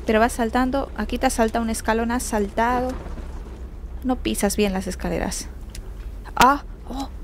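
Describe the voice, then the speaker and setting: Young woman, Spain accent, jumpy horror-game streamer, shrieks and swears, slow loud English, faint hiss behind. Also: a little high, fairly even intonation. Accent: Spain Spanish. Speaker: gaming streamer. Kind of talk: let's play commentary.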